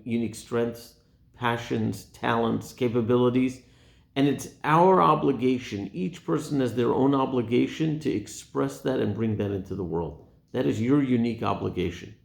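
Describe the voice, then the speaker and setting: A man's voice: gravelly, a little mellow. A man teaching the weekly Torah portion in an earnest tone, posing rhetorical questions and dropping his voice on key points. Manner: earnest, asks rhetorical questions, drops low on key words. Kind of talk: Torah talk to camera. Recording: echoey room.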